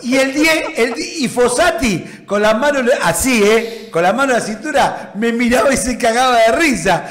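Animated Argentine man, high voice, storyteller, roomy echo. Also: normal speed, few pauses. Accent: Argentine Spanish. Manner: animated, laughing often. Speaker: guest, former footballer. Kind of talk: storytelling anecdote in conversation.

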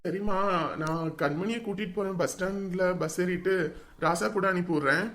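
A dutiful young soldier son, voiced by an actor gently reassures his family. His delivery is calm and patient. The tone stays warm and steady as he soothes them. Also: high voice, normal speed. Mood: reassuring. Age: young adult. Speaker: son leaving for the army. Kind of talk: family drama acting.

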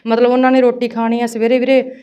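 Punjabi woman guest, quick earnest storytelling, smooth clear voice. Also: fairly high pitch, monotone, muffled recording. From Punjab, India. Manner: fast, earnest storytelling, often addressing the host as brother. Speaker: interview guest recounting work abroad. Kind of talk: emotional personal account in casual Punjabi.

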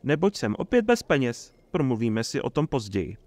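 A man's voice: mid-range voice, animated, no room sound, close to an everyday voice. A man voicing a flamboyant, boastful male troubadour who teases and shows off, in a theatrical manner. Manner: showy, mocking, theatrical.

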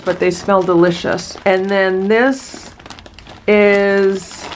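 A woman with a medium-pitched voice chats enthusiastically in a casual vlog while unboxing a farm produce box at home. She's talkative and full of asides, and there's a little background noise.

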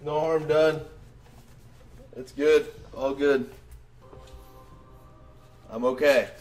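A man hosting a casual gaming session, excitable with frequent swearing and laughing exclamations. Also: fairly high pitch, very slow, faint music behind. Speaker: gamer host.

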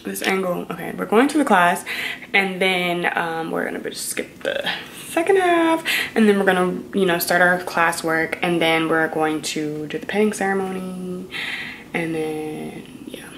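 A woman's voice: on the low side, normal speed, a bit bright, a little hiss or hum. A young woman who is a law student, chatting casually to viewers in a vlog and trailing off with fillers. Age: young adult. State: out of breath. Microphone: on-camera mic.

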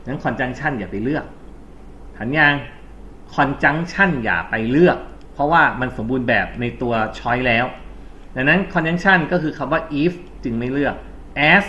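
A man's voice: mid-range voice, expressive, measured pace, bright, forceful tone. A Thai-accented man teaching an exam-prep English lesson, talking chattily, correcting himself and slipping English terms into his explanations. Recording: slightly dull recording with faint background noise.

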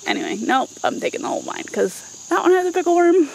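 A woman in her thirties gives a playful, casual garden tour for her vlog, walking through a backyard vegetable garden with informal asides. Her voice is very high, sing-song, and gravelly with a darkish tone, and she talks fast. It's captured on a handheld camera mic outdoors, with noticeable ambient noise.

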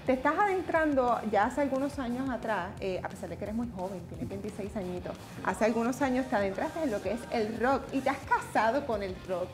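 A woman's voice: on the high side, animated, fairly quick, hardly any pauses, music in the background. Effusive woman TV host. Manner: effusive, enthusiastic. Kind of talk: TV interview. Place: TV studio set.

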